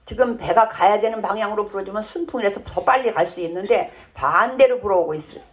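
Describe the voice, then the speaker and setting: A woman pastor preaching a sermon in a church, telling the Bible story in a conversational way and acting out the lines of its characters. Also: mid-range voice.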